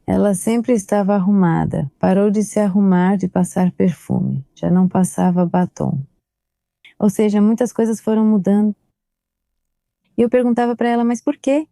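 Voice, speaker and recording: A middle-aged woman tells her story as a mother, reliving old conversations by quoting what was said. Her voice is deep in tone and very dark, and it sits dry and close with no room around it. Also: steady tone, normal speed, gravelly, no room sound. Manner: recounts events quoting past dialogue. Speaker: mother of a victim. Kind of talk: personal testimony.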